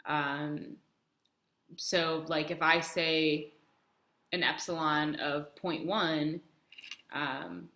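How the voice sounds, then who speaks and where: A woman's voice: deep voice, flat delivery, extremely slow, long pauses, sharp tone. A young woman teaching a casual math lesson, chatty and full of ums, with the hiccups. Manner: chatty, many ums, talks to herself while writing. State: has the hiccups. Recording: echoey room.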